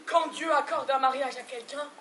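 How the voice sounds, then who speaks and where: A woman on a theatre stage playing a bossy, exasperated mother of the bride who shouts and interrogates. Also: high-pitched, fairly even intonation, moderate pace. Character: bossy, frantic middle-aged mother of the bride. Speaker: stage actor. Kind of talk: live stage comedy acting. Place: farm theatre stage, live audience. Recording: echoey room, far off, faint hiss.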